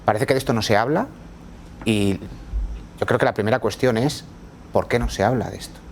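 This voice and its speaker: A man co-hosting a podcast, asking the guest measured questions. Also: on the low side, gravelly, slight background noise. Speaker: podcast co-host. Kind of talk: podcast interview.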